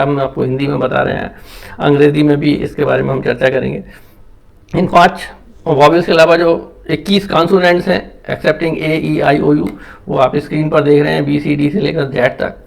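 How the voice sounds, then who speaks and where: A man's voice: on the high side, gravelly. A man teaching English pronunciation basics, explaining patiently step by step in a mix of Hindi and English.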